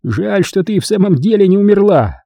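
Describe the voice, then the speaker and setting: A man's voice: sits high, wildly swooping pitch, takes it slowly, warm tone, dry recording, clean studio sound, voice pushed up, heavily acted. A man voicing a bitter, cruel young clan leader in an audiobook, with a harsh, snarling delivery.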